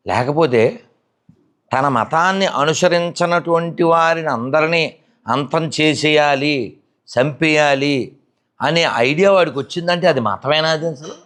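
A man giving a spiritual discourse, scolding his listeners with a stream of rhetorical questions. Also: fairly high pitch. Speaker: spiritual speaker. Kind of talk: religious discourse.

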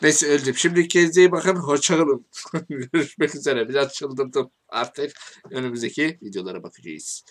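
A man with a Turkish accent giving casual game commentary, talking to himself and swinging from quiet muttering to angry shouting. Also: medium pitch, moderate pace. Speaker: gaming YouTuber.

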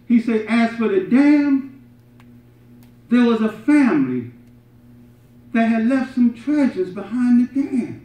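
A middle-aged man preaching a sermon to his congregation, animated, swinging from loud emphatic peaks to soft asides and often asking "right?". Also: sits high. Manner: addresses congregation directly with rhetorical "right?". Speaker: imam giving Friday sermon. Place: carpeted mosque prayer hall, indoors, congregation seated on floor. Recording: roomy, distant and slightly dull camera audio.

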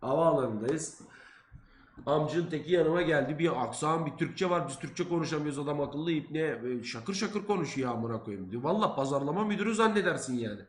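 A man's voice: fairly high pitch, a little fast, reverberant, a little hiss or hum. Swearing young man telling a story. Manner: animated, swears freely, acts out quoted lines. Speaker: guest storyteller. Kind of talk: casual comic storytelling.

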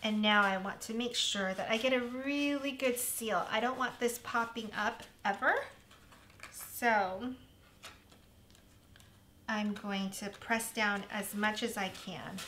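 A woman hosting a casual crafting tutorial, chatty and self-deprecating, with a slightly hoarse voice. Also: medium pitch, slow, pushed and bright, a little hiss or hum. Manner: chatty, self-deprecating, laughs at her own mistakes. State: slightly hoarse, losing her voice.

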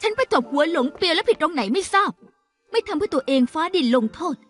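A woman dubbing a defiant, scheming younger sister in a TV drama, with a sharp, taunting manner. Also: extremely high pitch, expressive, quick pace. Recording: drama dub with faint music.

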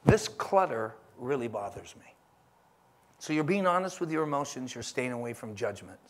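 A middle-aged man preaching a sermon as pastor, telling stories with animated acted-out dialogue. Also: mid-range voice, normal speed. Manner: animated storyteller who acts out dialogue.

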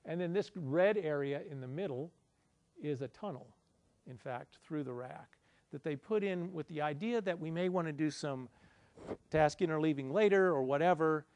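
A man's voice: a little high, moderate pace, darkish tone, no room sound. A middle-aged man giving a conference presentation, explaining a slide in a conversational, self-deprecating way. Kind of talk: lecture with audience Q&A. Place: indoor conference room, presenting at a projector screen.

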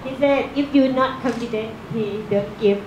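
A woman with a Thai accent interpreting in quick, halting English, restarting her words. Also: fairly high pitch, muffled recording. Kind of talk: translating between Thai and English. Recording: echoey room, background noise.

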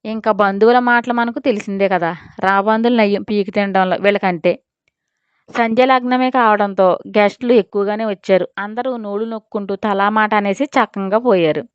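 A woman's voice: medium pitch, smooth, dry recording, muffled recording. A woman narrating a scripted audio story and voicing all the characters herself.

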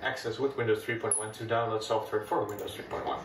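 A Dutch-accented man with a slightly low voice moves quickly through a casual hardware demo of an old machine, relaxed and chatty and explaining each step. He's a retro computing video host who sounds set back from the mic in a roomy, echoing space. A faint hum of room noise sits behind him.

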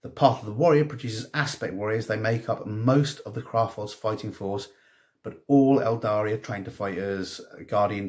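A man giving a casual magazine review, rambling with many ums and restarts and reading passages aloud. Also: on the low side. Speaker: tabletop hobby reviewer.

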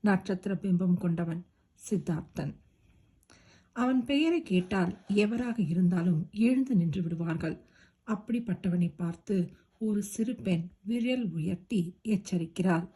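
Husky, low-voiced woman storyteller. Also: a little slow. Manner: steady, expressive storytelling. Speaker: audiobook narrator. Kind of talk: scripted romance novel narration.

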